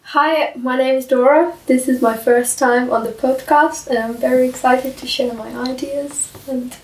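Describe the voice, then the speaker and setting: A woman's voice: sits high, fairly even intonation, unhurried, darkish tone, recorded from a distance. A woman as a first-time guest on a casual podcast chat, speaking eagerly and searching for words. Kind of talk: casual round-table chat. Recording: echoey and off-mic with faint noise.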